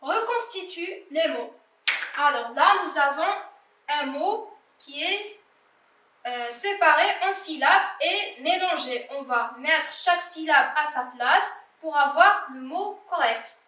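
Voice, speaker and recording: A woman's voice: sits high, animated, takes it slowly, pushed and bright, echoey room, recorded from a distance. A young woman teacher correcting a primary-school reading exercise, patiently spelling out words letter by letter. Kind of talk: slow classroom exercise correction.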